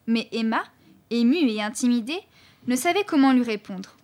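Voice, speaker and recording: High-voiced woman narrating a story. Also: lively intonation, normal speed, darkish tone. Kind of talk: audiobook narration.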